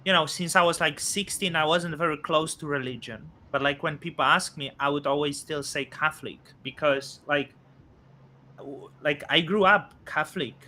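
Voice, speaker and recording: A man in his thirties hosts a loose crypto chat, his voice very bright and a touch high. He talks in halting bursts, full of fillers and restarts. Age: 30s. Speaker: host. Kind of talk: casual crypto podcast chat.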